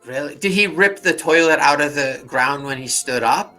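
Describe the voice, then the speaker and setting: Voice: mid-range voice, normal speed, pushed and bright, soft background music. An adult co-host chatting casually, hesitantly prompting the other speaker with questions. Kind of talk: casual chat.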